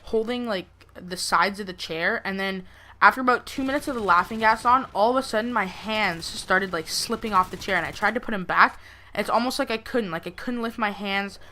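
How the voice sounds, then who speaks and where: A woman's voice: mid-range voice, brisk, pushed and bright. A young woman telling a personal story in a casual, rambling way, peppered with filler words like "like" and "you know". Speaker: gameplay video creator. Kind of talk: casual storytelling over gameplay.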